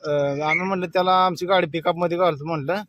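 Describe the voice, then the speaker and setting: A man's voice: on the high side, steady tone, fast, a bit bright, no echo. A man with a rural western Maharashtra accent on a casual prank phone call, talking colloquially in a pleading, insistent way. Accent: rural western Maharashtra Marathi. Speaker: prank caller. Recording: noisy phone call with vehicle sounds.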